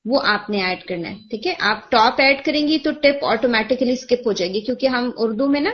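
A woman giving patient, detailed recitation feedback to a student, mixing in English terms. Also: fairly high pitch. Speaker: Quran recitation teacher. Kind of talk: one-on-one tajweed feedback. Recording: lo-fi muffled audio.

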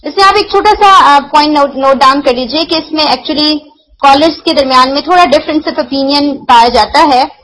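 A woman teaching the rules of Quran recitation, explaining patiently and answering her own questions as she slows down to demonstrate sounds. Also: high-pitched, a bit bright, poor audio. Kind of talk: explanatory lesson.

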